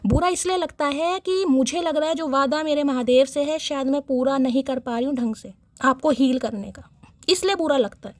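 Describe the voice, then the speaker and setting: A woman giving a chatty collective tarot reading, teasing and sarcastic, and talking warmly and directly to her viewers. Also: high voice, moderate pace, no room sound. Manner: affectionate address to audience. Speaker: tarot reader.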